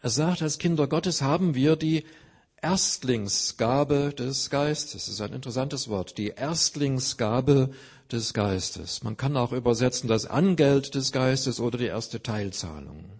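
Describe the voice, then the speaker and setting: A man's voice: medium pitch, measured pace, a little mellow, slightly rough. A man preaching a sermon, earnestly explaining scripture with everyday examples.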